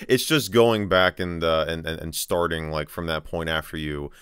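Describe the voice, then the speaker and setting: A man hosting a tech video, narrating a software demo in a casual, conversational, wryly amused way. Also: a bass voice, fairly even intonation, moderate pace, clear, resonant tone, no room sound, studio quality. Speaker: host of a tech video channel.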